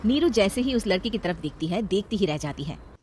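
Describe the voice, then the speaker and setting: A woman narrating a cartoon moral story in an even storytelling manner. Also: mid-range voice, fairly quick, slight background noise.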